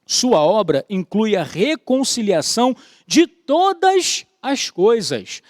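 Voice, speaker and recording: Animated Sunday school teacher, man. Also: high voice, dry recording, studio quality. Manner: conversational, frequent tag questions "né?" and "tá?"; slows down to stress key words. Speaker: Bible study teacher. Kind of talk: Sunday school Bible lesson.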